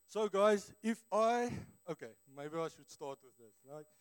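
A male preacher with a high, smooth voice and a broad South African accent shaped by his native Afrikaans. He addresses his congregation informally, in an earnest and conversational sermon style. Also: lively intonation, a little slow.

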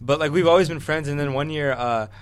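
A man's voice: fairly high pitch, fast, smooth. A man of twenty-two from the Chicago area, a student guest on a radio show, explaining things in a laid-back way full of fillers. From Chicago area, USA. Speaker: university student and a cappella singer, interview guest. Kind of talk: casual interview answers.

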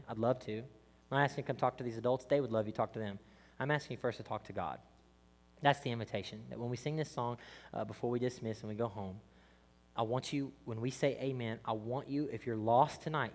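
Impassioned preacher man in a reverberant hall. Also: medium pitch. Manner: impassioned, builds to shouts then drops to hushed pleading. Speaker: youth pastor. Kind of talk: sermon with altar call.

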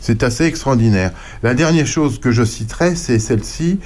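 A man's voice: medium pitch, a little mellow. Enthusiastic male radio co-host. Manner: enthusiastic, halting with fillers. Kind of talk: casual radio chat, reading aloud.

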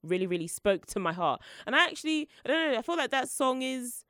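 This podcast host is a young woman flying solo, nasal with the flu, her high voice very animated, brisk and a little bright. She meanders cheerfully and jokes at her own expense. There's no echo, and the sound is studio grade.

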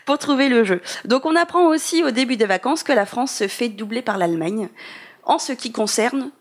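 A woman's voice: fairly high pitch, lively intonation. Chatty young French-speaking woman host. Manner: chatty, giggly, quick asides. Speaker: podcast host. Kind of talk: casual podcast news chat.

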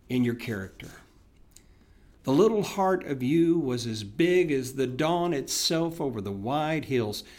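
A man gives a slow, unhurried dramatic reading in a mid-pitched voice. He sounds tender and remorseful, and his words often sink to near a hush at the ends of phrases. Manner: tender and remorseful, voice dropping soft on key words. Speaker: podcast host. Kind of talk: dramatic reading of a classic letter.

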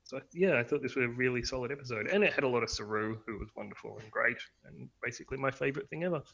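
Man, casual podcast chat, halting and self-deprecating, mid-pitched, slightly muffled lo-fi sound. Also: vocal fry, a bit bright, breathy edge. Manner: hesitant, many fillers and restarts, self-deprecating. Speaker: podcast co-host.

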